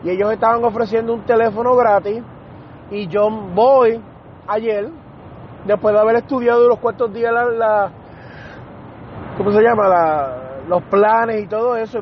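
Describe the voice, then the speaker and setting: A man with a rather high voice tells a story in a relaxed podcast monologue, slipping into the voices of the people in it. The recording sounds a little muffled, with faint car and street noise behind him. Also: unhurried. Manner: animated retelling that acts out other people's lines. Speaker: podcast host.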